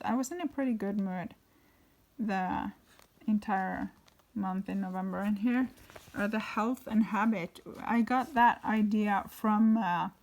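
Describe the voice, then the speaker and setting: A chatty woman from Norway talks her way through a journal flip-through, rambling and restarting with plenty of fillers. Her voice sits at a middling pitch for a woman. She sounds relaxed and unscripted. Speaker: bullet journal vlogger. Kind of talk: casual flip-through narration.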